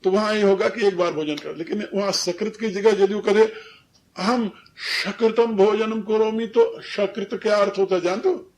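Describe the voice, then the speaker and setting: A man's voice: sits high, fairly even intonation, a little fast, a little mellow. An older man giving a religious discourse as a spiritual teacher, explaining things in a teaching tone and often chuckling. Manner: didactic, chuckles while correcting pronunciation. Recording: 1993 recorded lecture.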